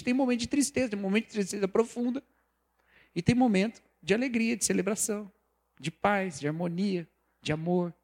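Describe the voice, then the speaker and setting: A man preaching a sermon, lively and conversational, acting out the quoted voices of people he talks about. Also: high voice. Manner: animated, acts out quoted voices, mocking examples. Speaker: pastor or preacher.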